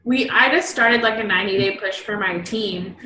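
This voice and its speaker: A woman's voice: mid-range voice, moderate pace, bright, forceful tone, slight background noise. Gushing young woman in an echoey room. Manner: enthusiastic, gushing, says "like" often. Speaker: interview host and team leader. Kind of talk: casual video call interview. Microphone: video call. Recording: echoey room over a video call.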